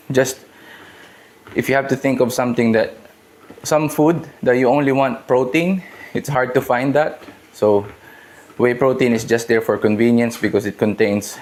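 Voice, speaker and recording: A man around thirty, host of a home-gym fitness channel, talking casually and loosely to camera with restarts. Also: medium pitch. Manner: chatty, loose, restarts and hedges.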